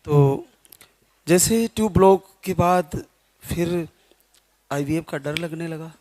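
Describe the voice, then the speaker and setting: A man's voice: on the high side, slow pace, a little mellow. A man hosting devotional interviews, asking short questions and offering blessings.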